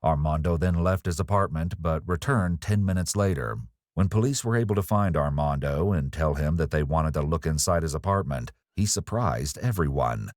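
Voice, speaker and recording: A man reading a scripted true-crime narration in a measured, ominous way. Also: rumbling low, a little mellow, no room sound, clean studio sound. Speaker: documentary narrator.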